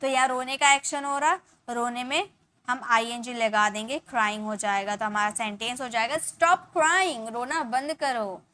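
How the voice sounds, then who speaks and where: Bright high-voiced Indian woman teaching English. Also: moderate pace. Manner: explains step by step, repeats example sentences and asks the class to answer. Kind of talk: spoken English lesson.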